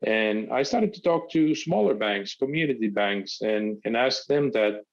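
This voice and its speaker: A startup founder from Finland, talking as a guest in a hesitant way with many fillers. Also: male voice, fairly low pitch, expressive, unhurried, lo-fi sound.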